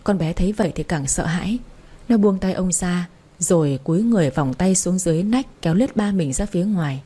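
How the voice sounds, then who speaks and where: Woman reading a sad story aloud, mellow and kinda husky, steady emotive delivery. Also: fairly low pitch, a little fast. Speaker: narrator. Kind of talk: audiobook story narration.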